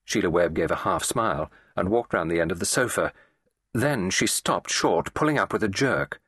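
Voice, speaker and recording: A man reading a classic mystery as an audiobook narrator, measured and expressive. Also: low-pitched, husky, no room sound, studio quality.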